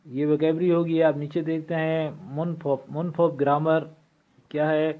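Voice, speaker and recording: A man teaching a language lesson from a textbook, reading vocabulary slowly and repeating each word for practice. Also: a little high, flat delivery. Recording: tinny phone-like recording.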